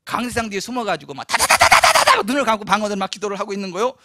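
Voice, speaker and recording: A man preaching a storytelling sermon as pastor in a church, animated, acting out the people in his story. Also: high voice, racing, very noisy. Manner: animated, acts out quoted voices, laughs often.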